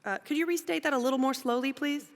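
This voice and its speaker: A woman's voice: high voice, fast talker. A woman moderating a quiz competition, reading questions aloud and joking between them, in a large event hall. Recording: long hall reverb.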